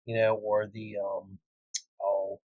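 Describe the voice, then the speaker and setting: A man's voice: lowish voice, completely flat delivery, slow, no room sound, narrow, tinny audio. A man co-hosting a casual podcast chat, rambling along with lots of fillers. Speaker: podcast co-host.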